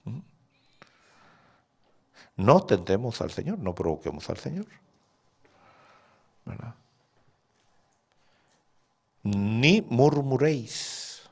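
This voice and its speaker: A man preaching with a lively, swinging voice that climbs into sudden shouts and drops low again. He talks directly to his congregation in an animated way and laughs at his own stories. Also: takes it slowly, gravelly, pauses often, breathy edge. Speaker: pastor. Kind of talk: sermon.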